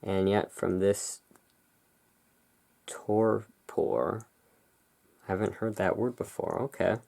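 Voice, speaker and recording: In a very slow gothic ASMR roleplay, the speaker, an ASMR creator who reviews tarot decks, uses a low voice with lots of fry. She reads cards aloud at times and offers relaxed commentary at others, all hushed and slightly theatrical.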